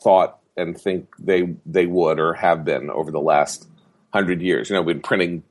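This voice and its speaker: A man co-hosting a podcast, laying out a political argument point by point in a measured way. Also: low voice, fairly even intonation. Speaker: podcast co-host. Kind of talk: casual political chat.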